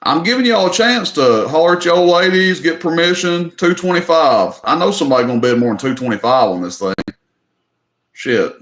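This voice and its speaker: In an echoey room, a middle-aged Tennessee man hosts a live online auction, his Southern drawl folksy and joking as he says "y'all" during casual livestream chat. His voice is fairly high and fairly bright, expressive and a little fast.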